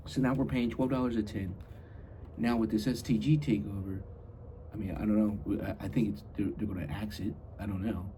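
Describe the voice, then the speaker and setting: A man's voice: on the low side, fairly even intonation, brisk, warm tone, slight background noise. A man chatting casually and rambling as a hobby vlogger, blunt and grumbling, with some mild swearing.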